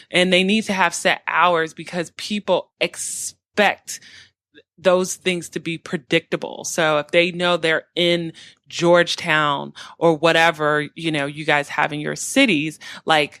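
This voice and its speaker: A woman's voice: lowish voice, a bit bright, no room sound. A woman co-hosting a podcast, chatting casually and filling her talk with "like" and "you know". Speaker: podcast co-host. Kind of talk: casual chat.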